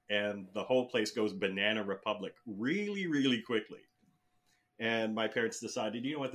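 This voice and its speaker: A man's voice: lowish voice, a bit bright. A man in his fifties from the Philippines, a guest telling his story in a rambling, chatty way with many fillers and restarts. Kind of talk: casual interview talk.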